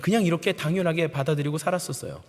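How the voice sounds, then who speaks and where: A middle-aged male pastor preaching a sermon, telling a story and acting out quoted voices with sudden shouts and laughter. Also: on the high side, very fast. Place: church sanctuary. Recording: long reverb of a church sanctuary.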